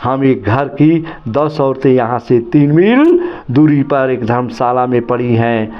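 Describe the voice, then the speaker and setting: A man's voice: mid-range voice, expressive, slow, dull audio. A man who, as a teacher, retells a story for a lesson in a dramatic, repetitive way.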